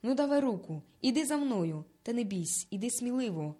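Lady reading as a gutsy bossy village kid, higher voice, loud and pushy. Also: expressive, moderate pace, natural voice. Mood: commanding. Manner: commanding, urgent, pushed loud. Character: bold, bossy peasant boy on ice.

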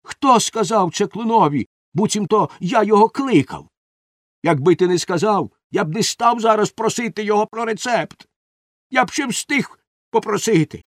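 A fussy royal cook from a storybook, as a man plays him, bossing people around and breaking into shrill shouts. The voice swings widely in pitch and is husky, and it is heard up close. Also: sing-song, moderate pace, no room sound, exaggerated voice. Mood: panicked shouting. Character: fussy male royal cook, quick to panic.

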